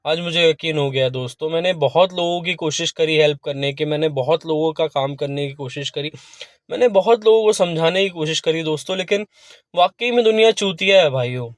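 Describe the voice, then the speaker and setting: Guy vlogging in his car, pleading and repeating himself, slightly high voice. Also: fairly quick, no echo, clean studio sound. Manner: pleading, repetitive, appeals to "bhai" and "dosto". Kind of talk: earnest talk to camera.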